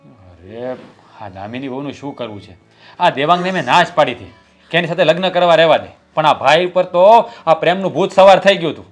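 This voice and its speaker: Stern family husband, a man acting, slightly high voice, faint music behind. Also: expressive, brisk, lightly acted. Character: protective husband, head of the family. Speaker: actor.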